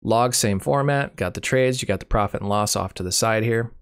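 A man from Michigan hosts his channel while fighting a cold that's taking his voice, casually running through a screen share without a script and correcting himself along the way, with a dry sense of humor. His lowish voice is smooth and fairly quick.

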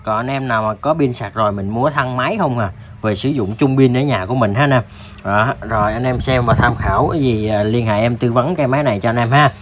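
A man with a southern Vietnamese accent giving a casual, halting sales demo, addressing viewers informally like buddies. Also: mid-range voice, a little hiss or hum. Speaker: tool seller presenting products.

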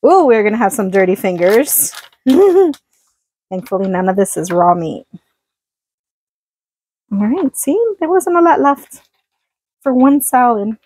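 A woman's voice: on the high side, a little mellow, poor audio. A woman chatting casually while cooking in a small trailer kitchen, laughing often as she works. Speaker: cooking vlogger. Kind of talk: casual cooking chat to camera. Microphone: phone-plugged mic near the counter.

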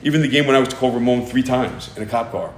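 A middle-aged man recounts events as a grieving father, speaking very quickly in an agitated rush and acting out other people's words. His voice sits in a roomy, echoing space. A faint ambient hum runs underneath. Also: mid-range voice. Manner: fast, agitated storytelling, acting out quotes. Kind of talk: emotional recounting in an interview.

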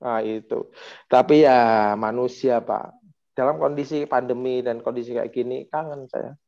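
A man's voice: mid-range voice, a little slow, vocal fry. Man, 40s, panel speaker, heartfelt storytelling, dull lo-fi audio. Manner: emotional, animated storytelling with acted quotes. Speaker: panel speaker, former regent. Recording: dull lo-fi sound.

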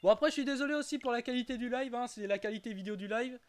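Streaming a kart racing game live, a man talks casually with his viewers in an extremely high-pitched voice at a very fast clip. He often trips over his words, repeats himself, and swears every so often.

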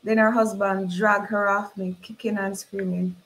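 Woman author, own novel read aloud, slow and measured, mid-pitched voice. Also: flat delivery, fairly bright tone, slight background noise, poor audio. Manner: slow, measured reading in dialect.

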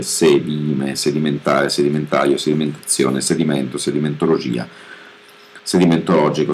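Super low voiced guy reading dictionary words one by one, flat and even. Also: slight background noise. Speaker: reader of a dictionary. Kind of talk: slow deadpan reading of a word list.

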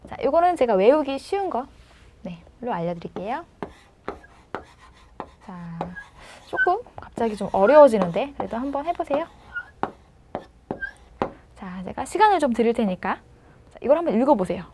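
Lively woman teaching pronunciation. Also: on the high side, background noise. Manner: patient, prompting, models sounds slowly. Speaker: language teacher. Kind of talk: video lesson on pronunciation.

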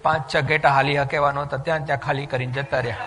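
A man giving a devotional sermon in an animated storytelling way, slipping English phrases into his talk. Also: medium pitch, fast talker, in a large hall, background noise. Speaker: religious speaker giving a discourse.

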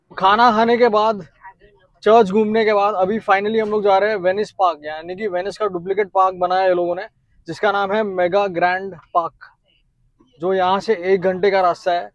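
एक युवा पुरुष ट्रैवल व्लॉगर, बाहर पर्यटन पार्क में कैमरे से बोलते हुए, उत्साह से बातें करता है और हिंदी में अंग्रेज़ी शब्द मिलाता है।. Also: male voice, sits high, normal speed, no room sound, dull audio. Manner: chatty, excited, mixes English into Hindi. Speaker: travel vlogger. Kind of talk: casual travel vlog.

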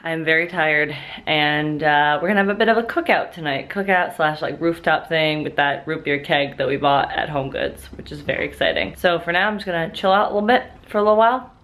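A twenty-something woman vlogs her day, chatting casually to a camera held at arm's length as she moves through streets, shops and rooms at home. Her voice is low and fairly bright, and she talks fairly quickly. Music plays clearly behind her.

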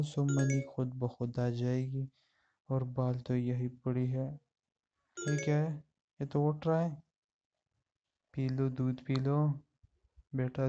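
A man's voice: on the high side, warm tone, lo-fi sound. A man giving casual gameplay commentary as a gamer, chatting to himself while he works through a puzzle game.

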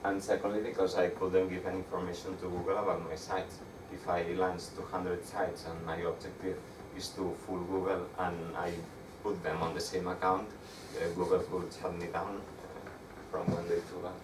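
A young man with a Spanish accent giving a meetup tech talk with slides, speaking haltingly with frequent restarts. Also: sits low, little pitch movement. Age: young adult. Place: dark room with projector screen. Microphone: far camera. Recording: echoey room, distant mic, audible background noise.

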